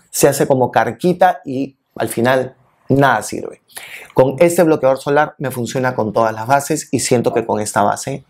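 This man's voice is fairly high-pitched and a little mellow, with a Peruvian accent. In his early fifties, he works as a beauty vlogger and makeup reviewer, chatting familiarly and expressively with viewers in a casual review. He sits in front of a plain wall indoors, recorded on a lapel mic.

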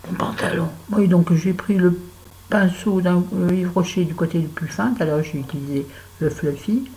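A woman's voice: lowish voice, normal speed, dark tone, rough recording. A middle-aged woman vlogging while she does her make-up, chatting and telling a story with exasperated asides. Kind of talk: casual chit-chat while doing make-up.

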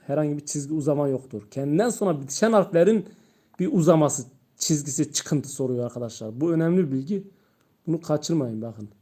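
A man teaching Quran reading in a live-streamed lesson, patiently drilling letter sounds aloud and talking to viewers as friends. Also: fairly high pitch. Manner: patient, repeats letters loudly and slowly, addresses viewers as friends.

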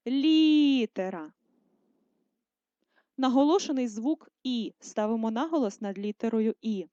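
High-voiced woman teaching small children. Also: mellow, no room sound. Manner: slow, careful, drawing out words to stress them. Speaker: primary school teacher. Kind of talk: video lesson for first graders. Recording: dull lo-fi sound.

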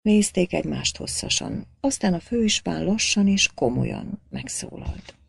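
A woman reads an audiobook in a measured storytelling manner. Her voice is low and gravelly, recorded close and dry. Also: sing-song, no room sound. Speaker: audiobook narrator. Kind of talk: audiobook narration.

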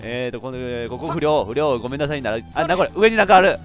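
A man doing excitable let's play commentary, laughing often and yelping when he fails. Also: medium pitch, fast talker, soft background music. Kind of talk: game commentary.

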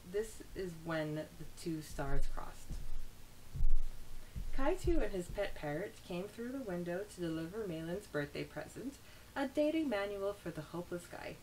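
In a low-quality recording carrying faint hiss, a woman co-hosting a podcast first lays out a story chapter's plot evenly, then chats about it with energy. Her voice is lowish and slightly mellow.

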